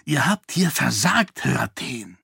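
A man voicing a small, fanatical male priest who speaks slowly and in a hushed, menacing way. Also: medium pitch, very animated, gravelly, husky, no room sound, clean studio sound, heavily acted. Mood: gloating, menacing.

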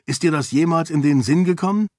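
A man voicing a curious, eager young man in an audiobook reading, speaking excitedly and with energy. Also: a little high, fairly quick, no room sound, studio quality, voice pushed up, lightly acted.

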